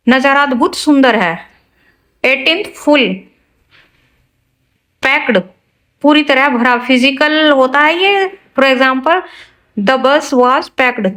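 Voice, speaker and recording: A woman teaching English vocabulary, speaking slowly and deliberately through each example, with casual asides to the listener. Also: high voice, a bit bright, rough recording. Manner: slow and deliberate, spelling out examples word by word. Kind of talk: explaining a vocabulary lesson.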